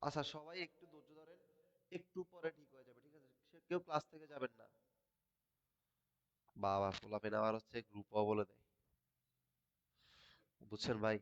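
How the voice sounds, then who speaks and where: Lo-fi tutor drilling points. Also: male voice, mid-range voice, lively intonation, moderate pace, long pauses, clean tone. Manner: repeats key points and quizzes the class. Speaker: accounting tutor. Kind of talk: live online class lecture. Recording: dull lo-fi livestream audio.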